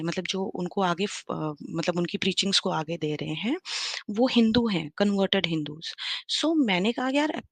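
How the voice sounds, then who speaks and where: Woman in her 30s telling her own story on a live stream, animated, lots of fillers, dry sound. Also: mid-range voice, dry recording. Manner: animated, mixes English into Hindi, many fillers. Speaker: guest on a live debate stream. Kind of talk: personal testimony, casual storytelling.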